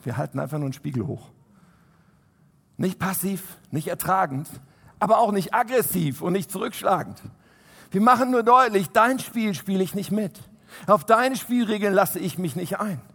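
High-voiced preacher in a reverberant hall. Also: male voice, normal speed, creaky, slightly rough. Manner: animated, shifts between loud emphasis and soft quiet asides. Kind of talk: sermon. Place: church hall.

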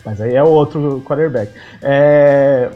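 A man's voice: medium pitch, takes it slowly, narrow, tinny audio, faint music behind. A Brazilian man hosting a sports live stream, chatting casually about football and putting questions to a panel.

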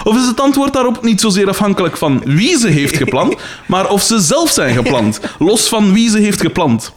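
A man's voice: sits high, sing-song, normal speed, voice pushed up. A Flemish man voicing a pedantic, overthinking male friend in a comic story, with an earnest, reasoning delivery.

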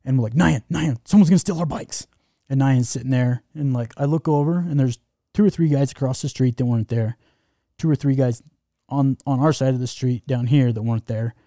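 Man with a very dark, mellow voice. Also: mid-range voice, fairly even intonation, fairly quick, no room sound, clean studio sound. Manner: rambling, many fillers and restarts. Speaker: guest telling a travel story. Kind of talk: casual storytelling.

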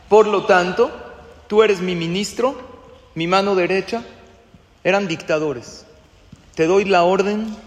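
A man's voice: high voice, in a large hall. A man, a rabbi, giving a class as a sermon. He puts questions to his listeners and acts out the voices in the story he tells.

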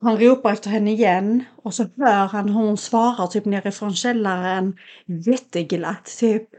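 A young woman co-hosting a podcast, retelling a scary film in a lively, casual way and acting out the lines of the people in it. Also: mid-range voice. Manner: animated retelling, acts out quotes. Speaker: podcast co-host. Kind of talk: casual storytelling chat.

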